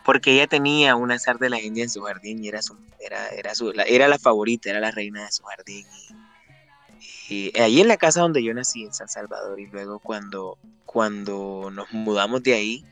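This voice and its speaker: A man's voice: fairly low pitch, fairly quick, fairly bright tone, faint music behind. A man from Colombia answering radio interview questions about his songs, telling stories reflectively with frequent restarts. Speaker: musician guest.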